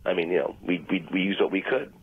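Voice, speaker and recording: A man's voice: low voice, fairly even intonation, fast, husky, no room sound. Rambling man on a tinny phone line. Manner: rambling, insistent, flustered when ignored. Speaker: phone-in guest. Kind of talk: comedic phone conversation. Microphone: telephone.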